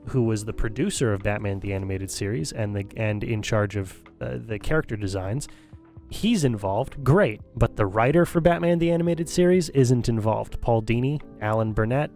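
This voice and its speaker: A man's voice: mid-range voice, darkish tone. A man streaming, giving an opinionated, critical rant in casual commentary, often repeating and restarting phrases as he thinks it through.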